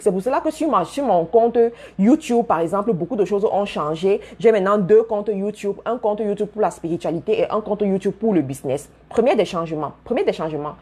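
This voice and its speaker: A woman's voice: medium pitch, dark tone, husky. A woman giving a motivational business talk to her followers, speaking emphatically, repeating key phrases and addressing listeners directly. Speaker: business coach.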